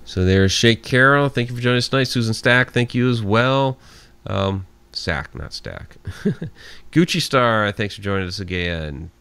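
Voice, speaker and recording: A man's voice: on the low side, lively intonation, a little slow, gravelly, a bit bright, clean tone, no echo. A man in his forties hosting a live radio show, casually thanking listeners by name and chatting easily. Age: 40s. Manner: reads out listener names with thanks, easygoing and chatty.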